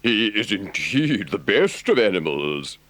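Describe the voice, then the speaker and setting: Good-natured river rat, slow drawl, very animated intonation, emphatic, worldly storybook gentleman. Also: fairly low pitch, dry recording, pitched above the performer's own voice. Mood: fond, confiding. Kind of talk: audiobook character voice.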